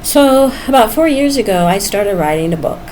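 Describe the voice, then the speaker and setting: Amid noisy background ambience, a vlogger nearing seventy muses candidly and casually, chuckling frequently. She has a mid-range, slightly mellow voice with lively intonation and a normal speaking pace.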